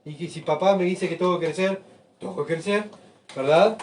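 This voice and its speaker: Pastor preaching, heard from afar. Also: male voice, high voice, steady tone, brisk, slight background noise. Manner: rhetorical questions, keeps asking the congregation "¿verdad?"; swings between soft asides and loud emphatic bursts. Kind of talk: sermon. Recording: voice picked up from far off.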